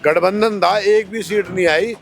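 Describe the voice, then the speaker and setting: A man's voice: high voice, fairly even intonation, a little slow, creaky, soft background music. A male politician answering interview questions, arguing his party's case with rhetorical questions. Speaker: politician, candidate.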